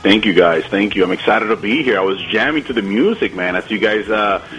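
A man from the Dominican Republic, a guest on a radio interview, talking eagerly with many halting restarts. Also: fairly low pitch, a bit bright, faint music behind, poor audio.

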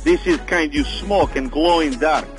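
A man voicing an earnest, deadpan salesman, broken English and w said for v. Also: a little high, moderate pace, soft background music, natural voice. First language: not English. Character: earnest foreign salesman Boris with dubious products. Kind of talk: deadpan prank phone call.

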